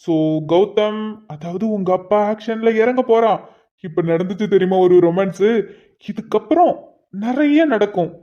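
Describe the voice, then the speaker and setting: A man's voice: sits high, moderate pace, mellow, close to an everyday voice. A man voicing a teasing young husband and father in a cartoon, chatty and full of joking asides. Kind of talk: cartoon voice acting. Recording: dull lo-fi recording.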